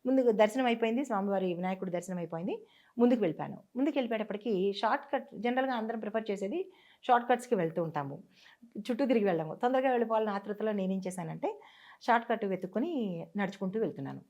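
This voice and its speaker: A woman guest telling a personal story in a conversation, earnest and halting, restarting and repeating herself. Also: mid-range voice, expressive, mellow. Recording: dull lo-fi sound.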